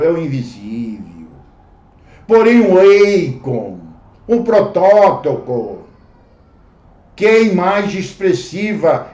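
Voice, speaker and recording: A Brazilian man teaching a livestreamed Bible study, slow and emphatic, repeating phrases and calling listeners brothers. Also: high-pitched, darkish tone. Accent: Brazilian Portuguese. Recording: echoey room, dull lo-fi sound.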